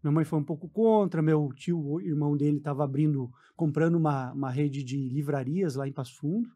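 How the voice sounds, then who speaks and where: His voice is mellow and a little high, and he speaks briskly. He is a man in his forties from southern Brazil, going by his accent, casually sharing his story as a guest on a radio interview in the studio.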